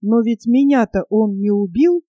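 A woman's voice: on the high side, measured pace, dry recording, lo-fi sound. A woman voicing a troubled young male fawn who wonders anxiously in a storybook tale.

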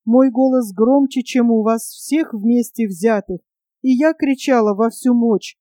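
A woman's voice: fairly high pitch, unhurried, dark tone, no room sound, clean studio sound, close to an everyday voice. A woman voicing a bitter, gloomy female crow who speaks grimly and with sighs in a storybook tale. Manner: grim, sighing.

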